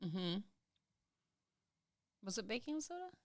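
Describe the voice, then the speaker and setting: A woman's voice: medium pitch, big pitch swings, slow, dry recording. Chatty laughing woman, dry sound. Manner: chatty, laughs often, jokey. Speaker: podcast co-host. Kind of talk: casual chat.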